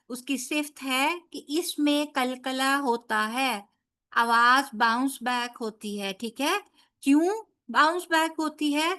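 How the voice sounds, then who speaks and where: A woman's voice: high-pitched, sharp tone. A woman teaching tajweed, patiently modelling letter sounds and checking that students follow. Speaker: Quran recitation teacher. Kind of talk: tajweed lesson.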